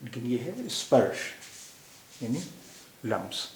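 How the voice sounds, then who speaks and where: A man teaching a language lesson, repeating each word slowly to show how it is pronounced. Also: medium pitch, very animated, darkish tone. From India. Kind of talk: slow explanatory lesson. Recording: echoey room with faint hiss.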